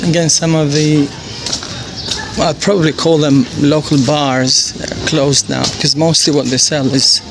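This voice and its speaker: A man with an Albanian accent talks casually as he guides viewers on a walking tour. His voice sits a little higher than most men's. He is recorded outdoors, with clear street noise and vehicles behind him. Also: level tone, unhurried. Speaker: travel vlogger. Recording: noisy outdoor street, traffic ambience. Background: street ambience, vehicles.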